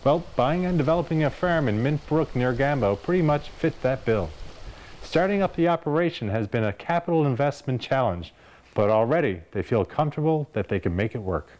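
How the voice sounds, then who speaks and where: Guy hosting a tv show, reading next week's preview, friendly even tone, mid pitch. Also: brisk, a little hiss or hum. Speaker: show host. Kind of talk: scripted narration.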